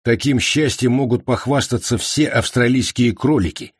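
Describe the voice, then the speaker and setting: Man playing a calm, haughty, menacing man. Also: medium pitch, breathy edge, no echo, clean studio sound, voice pushed up, natural voice. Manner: calm, unhurried, slightly haughty. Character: calm, broad-shouldered man, aloof and menacing.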